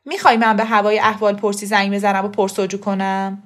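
A woman reader voicing a calm, level-headed father who speaks steadily and reasonably. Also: medium pitch, natural voice.

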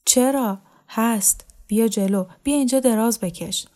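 A patient older woman speaks low and measured, like a mother calming a child, as a woman reads her part. The mellow, warm voice stays steady and quiet in this audiobook story. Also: lightly acted.

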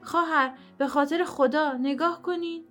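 A woman's voice: high-pitched, fairly even intonation, fairly bright tone, faint music behind. A woman voicing a desperate man begging hospital staff for help, pleading and choked up, in a storybook reading. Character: desperate man carrying a bleeding girl.

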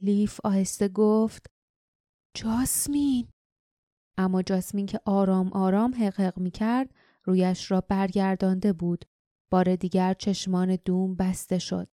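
A woman reading a fantasy audiobook in steady, measured narration. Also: medium pitch, dry recording, studio quality.

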